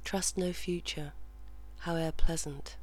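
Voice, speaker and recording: Very slow, soothing, half-whispered relaxation voice. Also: medium pitch, fairly even intonation, darkish tone. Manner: soothing, measured, slipping in and out of whisper. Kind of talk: slow guided relaxation and soft poetry reading, often whispered. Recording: clearly audible hum and background noise.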